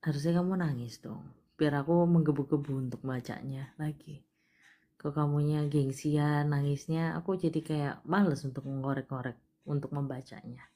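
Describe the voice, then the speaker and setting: A woman with a low voice hosts a live palm-reading session and talks straight to a caller. She coaxes and pushes, and her voice often sinks to a near whisper. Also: fairly even intonation, moderate pace. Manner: coaxing, repeatedly urging the caller to cry; drops to soft, hushed delivery.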